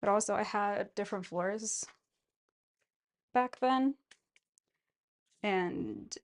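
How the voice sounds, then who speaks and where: A woman's voice: mid-range voice, takes it slowly. A woman vlogging casually while she does chores, thinking aloud in a rambling way. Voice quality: gravelly vocal fry. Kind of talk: casual, rambling self-filmed chat while cleaning.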